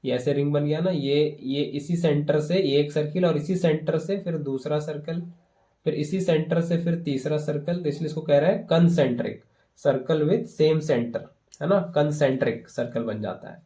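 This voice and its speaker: A man teaching physics for board exams, explaining each step slowly and often checking "right?" with students, and reading the English question lines aloud slowly. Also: on the high side, mellow. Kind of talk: exam-prep lesson explaining problems.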